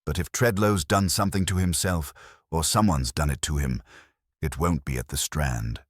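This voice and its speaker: A man's voice: extremely low pitch, moderate pace, husky, no room sound, clean studio sound. A man reading the part of an irritated, blunt Victorian police inspector in an audiobook, clipped and matter-of-fact. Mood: firm. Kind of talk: audiobook character dialogue.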